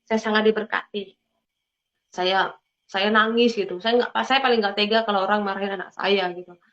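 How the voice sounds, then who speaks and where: A woman's voice: medium pitch, steady tone, moderate pace, a bit bright. Earnest woman telling her testimony. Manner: earnest storytelling, often addresses listeners as "brothers and sisters". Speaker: testimony speaker. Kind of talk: emotional personal testimony. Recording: dull lo-fi recording.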